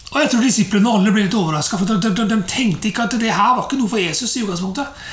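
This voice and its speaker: A woman's voice: medium pitch, echoey room. A woman giving a conversational sermon, chatty and loose, full of fillers and rhetorical asides. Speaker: preacher.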